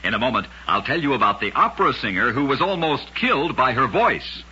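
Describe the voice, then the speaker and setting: A man hosts a radio program about oddities, narrating short scripted tales briskly in a mid-range, sing-song voice. He is a dramatic, emphatic storyteller whose delivery is very forceful and bright-edged, with a noticeably rough, husky grain. The old recording is muffled.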